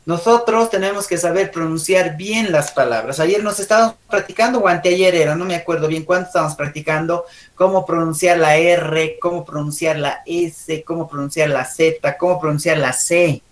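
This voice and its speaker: A man's voice: fairly high pitch, normal speed, hardly any pauses. A man teaching an online language class, correcting pronunciation with a Bolivian Spanish accent and asking frequent check questions.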